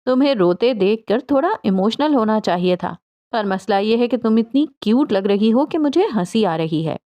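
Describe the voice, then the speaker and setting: A woman's voice: a little high, lively intonation, lightly acted. A woman reading a teasing young fiancé. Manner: gentle joking banter.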